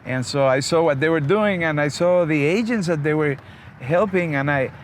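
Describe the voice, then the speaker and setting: A man's voice: a little high, normal speed, slight background noise. A man from Costa Rica, a guest telling his story in a friendly, talkative way. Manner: friendly, talkative, many restarts. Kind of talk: conversational interview. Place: outdoors in a vehicle. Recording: music playing behind.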